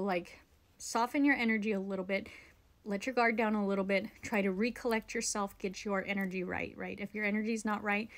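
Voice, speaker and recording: Chatty young woman giving spiritual advice. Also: medium pitch. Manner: chatty, rambling, says "like" and "right?" often, swears casually. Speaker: spiritual show host. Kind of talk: casual spiritual talk to camera.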